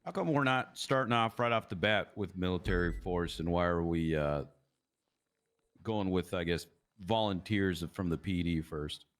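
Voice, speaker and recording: A man playing an officer in a game role-play, asking halting, pointed questions at a briefing. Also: deep voice.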